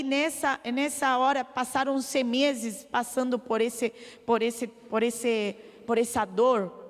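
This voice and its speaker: Woman giving a church testimony in a reverberant hall. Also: on the high side. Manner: emotional storytelling, acts out dialogue; preaching appeal to the audience.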